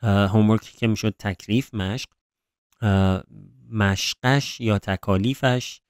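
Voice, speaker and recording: A man teaching an English workbook lesson, going step by step and reading the English sentences slowly. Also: on the low side, steady tone, smooth, no echo, studio quality.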